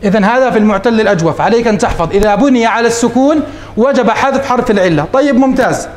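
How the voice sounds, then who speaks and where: A man's voice: extremely high pitch, racing, roomy sound. A man teaching morphology, quizzing his students and answering himself. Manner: questions students and answers himself, repeats rules. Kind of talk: classroom lesson.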